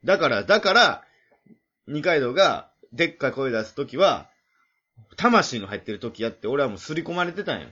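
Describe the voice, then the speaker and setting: A man's voice: medium pitch, sing-song, moderate pace, bright, forceful tone. A man with a Kansai accent co-hosting a casual comedic podcast chat, teasing his partner and laughing as he talks. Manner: teasing, laughs while talking. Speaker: podcast co-host. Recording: dull lo-fi podcast audio.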